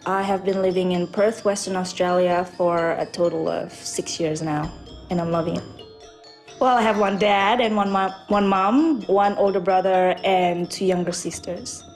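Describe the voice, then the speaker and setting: A young woman from Indonesia tells her own story in a chatty, slightly hesitant way. Her voice sits fairly low for a woman, and soft music plays behind her. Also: fairly even intonation, normal speed. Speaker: featured resident. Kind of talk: personal documentary interview.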